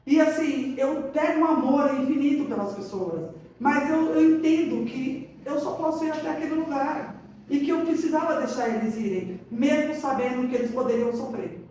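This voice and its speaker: A woman's voice: sits high, moderate pace, a little hiss or hum. A woman, a podcast guest giving a casual faith testimony and acting out the quoted dialogue in her stories. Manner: animated storytelling, acts out quoted dialogue. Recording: echoey room, mic at a distance.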